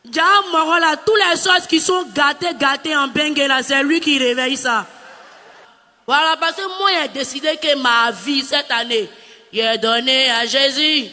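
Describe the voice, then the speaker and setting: A male host shouts hype into a large venue, his voice very high and sharp. His words ring out with long hall reverb, and faint music plays under him. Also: fairly even intonation, normal speed. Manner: hyped, repetitive, shouting into the hall. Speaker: show host. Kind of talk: introducing acts on stage.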